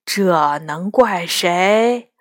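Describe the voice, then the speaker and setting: A woman reading a children's story, voicing a gentle, weary beast head that speaks slowly and patiently. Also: on the low side, pitched below the performer's own voice, heavily acted. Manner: slow, patient, sighing.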